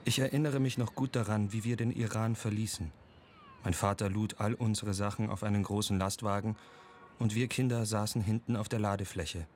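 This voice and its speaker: A man reading a voice-over translation in a calm, even way. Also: on the low side, a little fast, slight background noise.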